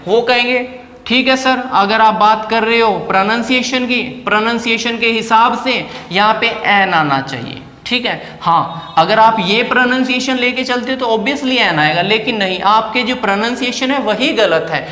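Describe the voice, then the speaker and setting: A man with an extremely high, pushed and bright voice teaches an English lesson at normal speed. His classroom lecture proceeds step by step with rhetorical questions to students, and the room echoes with long reverb.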